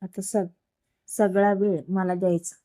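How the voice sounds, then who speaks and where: A woman's voice: medium pitch, flat delivery, unhurried, warm tone, no room sound, lightly acted. Teasing young husband, read by a woman narrator, affectionate, dry close sound.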